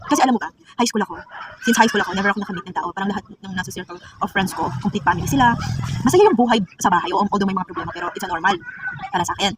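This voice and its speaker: Brief: rapid-fire chatty woman vlogger, confiding tone, mic set back from her with room noise. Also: mid-range voice, lively intonation, recorded from a distance. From Philippines. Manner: chatty, confiding, addresses viewers as girl. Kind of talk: casual confessional vlog.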